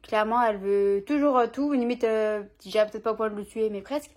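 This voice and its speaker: A woman's voice: on the high side, fairly even intonation, a little fast, a little mellow. A young woman vlogging at home, chatting casually in an informal, slangy way with lots of fillers. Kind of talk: casual chat. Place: at home with her dog.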